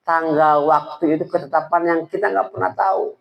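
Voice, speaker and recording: A man preaches in a loose, conversational way, stumbling and restarting as he goes. His voice sits a little high, and he keeps turning to his listeners as if chatting with them. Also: fairly even intonation, gravelly, lo-fi sound. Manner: halting, stammering delivery; colloquial, addresses listeners directly. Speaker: preacher at a religious study gathering. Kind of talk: informal sermon.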